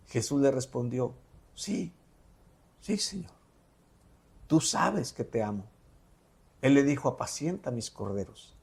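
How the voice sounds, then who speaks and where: A man's voice: fairly high pitch, vocal fry, darkish tone. A man teaching a Bible study lesson in a conversational way, reading scripture and retelling it with frequent fillers and self-corrections. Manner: conversational, paraphrases and reads scripture aloud.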